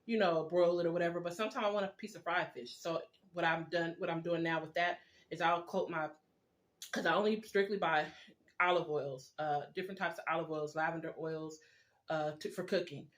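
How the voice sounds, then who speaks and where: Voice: mid-range voice, steady tone, a little fast, a bit bright. A vlogger chatting informally and confidingly to viewers while eating, rambling along and talking with food in the mouth. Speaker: video blogger. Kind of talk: casual chat while eating, mukbang style.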